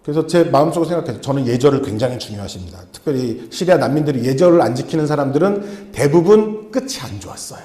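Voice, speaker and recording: A man preaching a sermon as a missionary, telling a personal story in an animated way and acting out the dialogue. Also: mid-range voice, fast talker, few pauses, reverberant. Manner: animated, acts out dialogue in changing voices. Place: church sanctuary.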